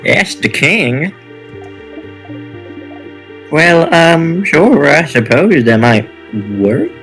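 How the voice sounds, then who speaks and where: A man voicing a calm, cryptic guide figure while reading game dialogue aloud, in a measured way. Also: on the high side, faint music behind, voice pushed up, heavily acted. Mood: calm, guiding. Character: mysterious helpful guide Loop, calm and cryptic.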